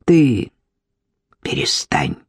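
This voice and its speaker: A woman's voice: big pitch swings, extremely slow, breathy edge, exaggerated voice. A woman reading an audiobook, voicing a tired, guilt-ridden man who answers curtly. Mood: weary. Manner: low, clipped, tired. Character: weary guilt-ridden man, curt and cold.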